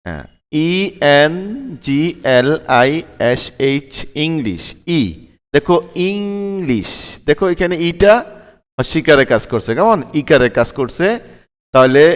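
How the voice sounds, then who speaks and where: A man teaching English pronunciation, patiently spelling out letters and repeating each word slowly. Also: on the high side, fairly bright tone, long reverb tail. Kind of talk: slow spelling-out lesson.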